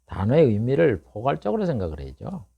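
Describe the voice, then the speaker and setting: A middle-aged man preaching an expository sermon as pastor, talking conversationally with many rhetorical questions and swinging between low murmurs and loud, emphatic bursts. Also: huge pitch swings, quick pace, vocal fry, husky, lo-fi sound.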